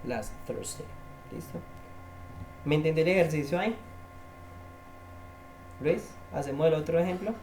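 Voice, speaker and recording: Man, patient tutorial teacher, slow and deliberate, drills words by repeating them. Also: on the high side, lively intonation, background noise. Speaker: English teacher. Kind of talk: recorded tutorial lesson.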